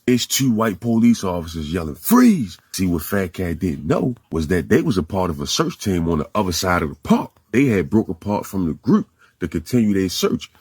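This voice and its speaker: A man narrating a crime story in casual, slangy street talk, swinging from murmurs to loud bursts. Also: deep voice, very animated, fairly quick, slightly rough.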